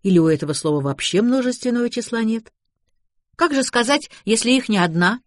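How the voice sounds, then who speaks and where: Woman doing a high-pitched young woman, chatty, stubborn, bouncy, audiobook character. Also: lively intonation, fast, dark tone, no echo, studio quality, natural voice. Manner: playful, chattering, folksy baby-talk words.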